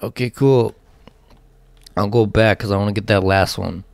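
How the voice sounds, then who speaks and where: A man's voice: fairly low pitch, fairly even intonation, normal speed, vocal fry, darkish tone, dry recording. A man giving casual, rambling let's play commentary, swearing often and talking to himself as he plays. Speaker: gaming channel host.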